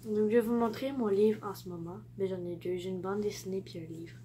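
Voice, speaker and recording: A woman's voice: medium pitch, fairly even intonation, brisk, mellow, a little hiss or hum. A teenage girl with a Québécois French accent who has the flu, giving rambling tips in a casual vlog and often dropping to a near-whisper. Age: teens. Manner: rambling, self-correcting, drops to near-whispers. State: sick with the flu. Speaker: vlogger.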